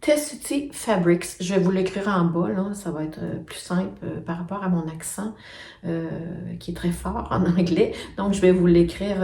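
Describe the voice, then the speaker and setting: A middle-aged woman with a Quebec French accent and a dark, mid-range voice talks through her sewing projects one step at a time, filling the gaps with lots of fillers. She's a knitting and sewing vlogger doing a casual show-and-tell at home, filmed on a phone camera placed some distance away. The room's echo makes her sound roomy and slightly far off.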